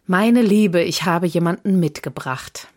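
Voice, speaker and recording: A woman's voice: lowish voice, unhurried, darkish tone. A woman voicing an older male mission secretary who is genial and amused, in a storybook reading.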